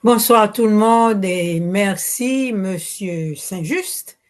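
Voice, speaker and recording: An older woman from Haiti speaks into a handheld microphone, her French full of Haitian accent and Creole turns. She restarts her sentences and gropes for words, her pitch sitting in an ordinary middle range. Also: slow, a little mellow. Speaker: audience member asking a question. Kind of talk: spontaneous remarks at a public Q&A.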